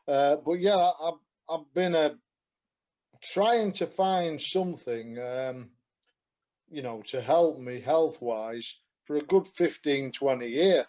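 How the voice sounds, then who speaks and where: A man's voice: a little high, slow, darkish tone, muffled recording. A man with a Yorkshire accent on a video call, telling his story in a rambling, self-deprecating way with frequent chuckles. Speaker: guest giving a testimonial. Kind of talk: casual video call chat.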